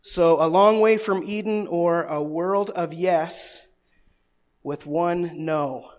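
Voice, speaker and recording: A man preaching a sermon as pastor at a church service. He moves from a soft, hushed prayer to lively, emphatic preaching with playful asides and jokes at his own expense. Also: a little high, takes it slowly. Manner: playful asides and self-teasing humor.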